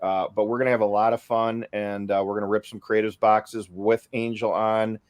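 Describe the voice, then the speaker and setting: A man hosting a casual group chat, talking with excited emphasis and repeating phrases. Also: fairly low pitch, moderate pace, clean tone. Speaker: show host.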